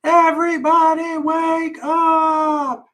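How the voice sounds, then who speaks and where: A man voicing a cheerful little girl who yells to wake everyone up, stretching out her high, loud call. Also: expressive, moderate pace, recorded from a distance. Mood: yelling gleefully.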